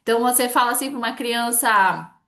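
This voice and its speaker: A middle-aged woman from Brazil, a therapist explaining in a chatty, animated way and acting out little dialogues. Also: on the high side, brisk. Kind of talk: casual explanatory talk to camera.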